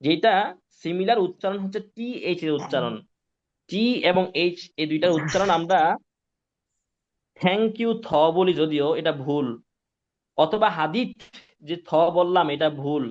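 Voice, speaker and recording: Pitched on the high side and speaking at an ordinary pace, this man teaches Quran pronunciation in a live online session. He repeats things patiently and keeps asking whether his students understand, over dull, low-fidelity audio.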